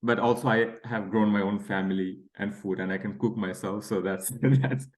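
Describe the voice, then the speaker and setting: Man, low voice, friendly and chatty, interview guest. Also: steady tone, normal speed. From Bangladesh. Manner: friendly, chatty, laughs between phrases, many fillers. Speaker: author guest. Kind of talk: casual interview chat.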